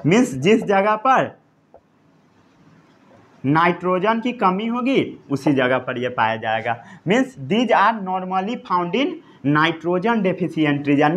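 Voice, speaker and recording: A male science teacher with an Indian accent lectures a class in a high voice. He goes slowly, asks quick check questions and repeats each point so students can write it down. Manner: repeats points, quizzes the class, dictates notes.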